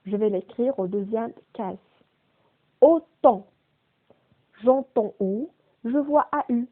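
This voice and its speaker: A woman teaching a primary school phonics lesson, slowly repeating and stressing each word's sounds. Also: fairly high pitch. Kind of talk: slow, deliberate remote phonics lesson. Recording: phone-quality, narrow-band audio.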